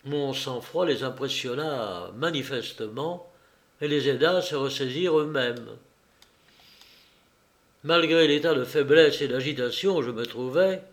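A man reading a first-person novel aloud as an audiobook narrator, in a measured, deliberate way. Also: medium pitch.

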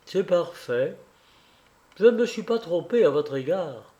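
A man reading as a gentle, sincere young man. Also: sits high, animated, measured pace, highs cut off.

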